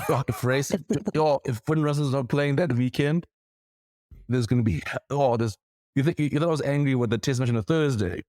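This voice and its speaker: A man with a South African accent, co-hosting a rugby podcast, gushing excitedly with many stumbling restarts. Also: mid-range voice, normal speed, no room sound, clean studio sound. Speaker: podcast co-host. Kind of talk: casual chat.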